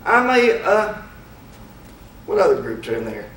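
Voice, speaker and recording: Here a man with a high, very animated voice lectures informally, unhurried and a bit bright, asking the audience many rhetorical questions and speaking his mind plainly. A distant mic in a large lecture room catches the hall's echo and slight background noise.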